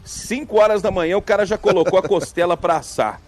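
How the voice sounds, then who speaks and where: A man reporting live outdoors from a farm fair, joking and teasing his guests with quick questions. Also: sits high, faint music behind. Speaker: field reporter and host.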